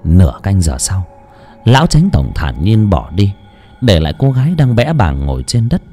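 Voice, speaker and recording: A man's voice: low voice, very animated, moderate pace, dark tone, soft background music. A man narrating an audiobook expressively. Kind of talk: storytelling narration.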